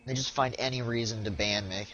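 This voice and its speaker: Young male streamer, bright voice, stop-start casual chat, muffled lo-fi stream audio. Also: mid-range voice, fairly even intonation, a little hiss or hum. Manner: chatty, halting, frequent restarts and repeats. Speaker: speedrunner streaming live.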